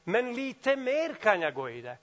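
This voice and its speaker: Male preacher, high voice, animated delivery, dull lo-fi recording. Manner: animated, swings from loud exclamations to quiet asides. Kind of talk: sermon.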